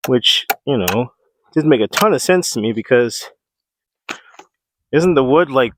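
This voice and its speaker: This is a man with a medium-pitched, animated voice speaking at a measured pace, recorded dry on a small clip-on mic near his mouth. He's a homesteading vlogger doing outdoor building work, chatting casually, thinking aloud with many fillers and breathing heavily.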